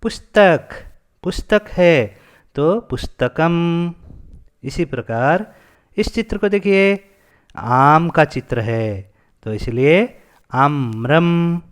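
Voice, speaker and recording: A man's voice: fairly high pitch, smooth. A man teaching a Sanskrit lesson to children, patiently asking questions and answering them himself.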